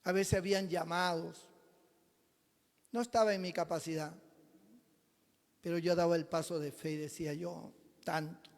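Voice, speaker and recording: A man, a pastor preaching a sermon as a personal testimony, telling it dramatically and swinging between loud passages and hushed ones. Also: on the high side, fairly even intonation, normal speed, pauses often. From Peru. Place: church sanctuary. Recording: long reverb of a church hall.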